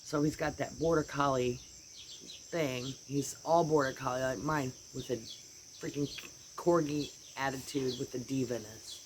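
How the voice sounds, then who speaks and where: A woman's voice: rumbling low, unhurried. An American woman vlogger chatting casually and rambling about her dogs, sitting outside on a porch. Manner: rambling and animated, voices her dogs' thoughts. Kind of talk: casual chat. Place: outdoors on a porch. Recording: outdoor noise with birds and insects. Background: birds and insects.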